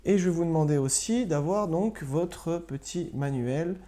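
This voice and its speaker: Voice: medium pitch, unhurried, warm tone. A primary school teacher giving a recorded lesson to pupils at home, patiently spelling words out letter by letter and often checking that they follow.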